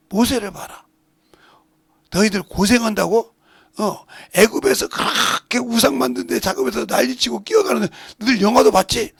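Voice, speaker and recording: A middle-aged Korean pastor with a Jeolla accent, preaching a sermon and breaking into loud acted-out lines. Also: male voice, sits high, no room sound, clean studio sound. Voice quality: gravelly. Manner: preaching with sudden shouts and acted-out dialogue.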